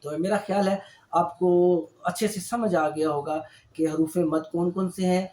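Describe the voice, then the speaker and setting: A man explaining a reading lesson with slow, patient care and speaking warmly to his learners as friends. His voice sits a little high for a man. The sound is roomy and echoey. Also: fairly even intonation. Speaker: Quran reading teacher. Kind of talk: spoken lesson.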